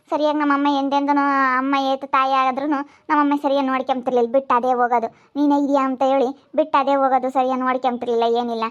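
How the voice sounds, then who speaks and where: Woman caregiver, high and level, coaxing, lo-fi sound. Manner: coaxing, caring questions. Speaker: family caregiver.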